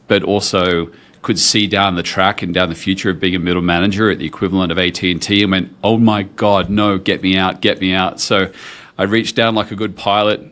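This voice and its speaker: Low-voiced Australian man telling his story. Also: a bit bright. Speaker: podcast guest, tech entrepreneur. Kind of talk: conversational personal storytelling.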